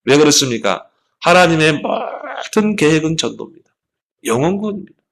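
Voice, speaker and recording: Impassioned Korean pastor preaching. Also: male voice, a little high, sing-song, moderate pace, a bit bright. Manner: impassioned storytelling preacher, voice rising and falling sharply. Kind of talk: sermon.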